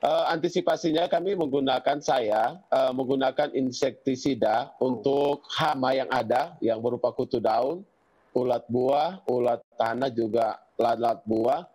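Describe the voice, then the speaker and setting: A man's voice: medium pitch, a little slow, breathy edge. A man, a tomato farmer, steadily listing pests and treatments in an interview. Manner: steady, listing items one by one. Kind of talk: practical explanation in an interview.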